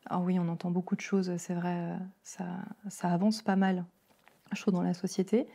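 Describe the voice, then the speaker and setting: A woman's voice: lowish voice, level tone, normal speed, dark tone. A woman hosting a podcast interview, rambling and hesitant with many fillers and small laughs. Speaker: podcast host. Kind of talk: casual interview.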